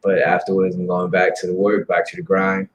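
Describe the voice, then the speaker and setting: A man in his thirties talking as a guest in a casual interview, relaxed and friendly and quick to laugh. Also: low voice, muffled recording, slight background noise. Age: 30s. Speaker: guest comic creator.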